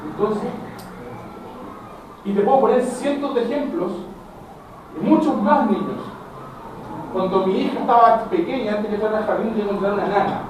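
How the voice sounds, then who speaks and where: A man's voice: high-pitched, moderate pace, pauses often. A middle-aged Chilean man lecturing a class as a teacher, speaking directly to his students and acting out little dialogues. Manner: animated, addresses students directly, acts out dialogues. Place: school classroom. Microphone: camera at a distance. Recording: very echoey classroom, far from mic, noisy.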